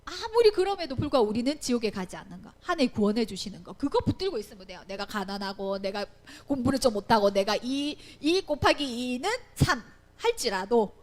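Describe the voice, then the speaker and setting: A woman leads a children's Bible lesson in a high voice with wide, lively swings in pitch. She acts out the quoted lines as she goes and keeps checking that her young listeners follow along. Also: fairly quick. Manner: animated, acts out quoted voices, asks "right?" often. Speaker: Sunday school teacher.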